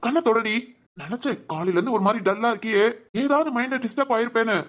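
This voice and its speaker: A woman voicing a caring older brother who gently coaxes and teases his crying sister. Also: on the high side, fast talker, natural voice. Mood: reassuring. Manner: gentle, coaxing, affectionate teasing. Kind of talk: cartoon voice acting.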